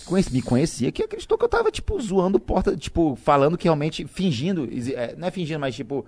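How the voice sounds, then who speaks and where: A man's voice: fairly high pitch, fast talker. A Brazilian man telling stories in a casual podcast chat, rambling and slangy. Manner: rambling, slangy, animated storytelling. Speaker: comedian and podcast guest.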